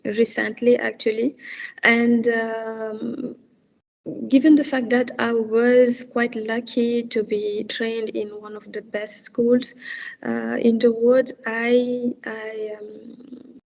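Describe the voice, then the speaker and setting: Slow, hesitant woman from Senegal. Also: a little high, level tone, gravelly, darkish tone. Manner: slow, hesitant, many fillers and restarts. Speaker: guest, hospitality consultant. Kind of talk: casual interview over video call.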